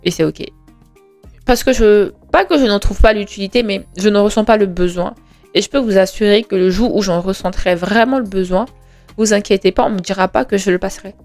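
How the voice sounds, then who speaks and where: Over faint background music, a twenties-aged podcast host speaks in a medium-pitched, slightly mellow voice that moves a little fast. Her reflective monologue is earnest and chatty, full of pauses, rhetorical questions and strong reassurance.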